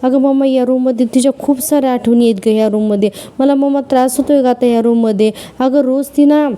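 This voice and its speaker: A woman's voice: high voice, steady tone, quick pace, mellow, clear, resonant tone, close to an everyday voice. Woman reading as a distraught young man. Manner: tearful, apologetic pleading. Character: distraught young man, grieving a lost love.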